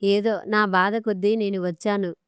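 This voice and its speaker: Woman reading a young wife, wronged and bitter, pleading, very clear dry voice. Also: medium pitch, fairly even intonation, moderate pace, no room sound, close to an everyday voice. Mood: accusing. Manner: accusing, tearful pleading.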